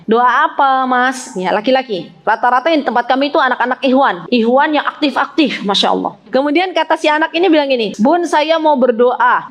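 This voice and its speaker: A woman giving a training lecture to teachers on teaching children the Quran, animated and often exclaiming in praise. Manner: acts out high, lively calls to children.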